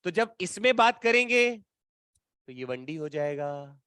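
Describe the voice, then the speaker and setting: Guy teaching physics, high voice, keeps teasing the class, dry close sound. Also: sing-song, measured pace, bright, forceful tone, smooth, no echo. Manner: playful teasing, colloquial asides to students. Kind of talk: classroom lecture at a whiteboard.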